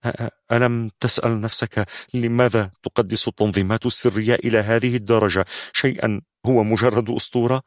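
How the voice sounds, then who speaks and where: A man's voice: fairly low pitch, fairly even intonation, quick pace, dry recording, studio quality, close to an everyday voice. A man voicing an anxious young captive who stammers as he explains. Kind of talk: audiobook narration.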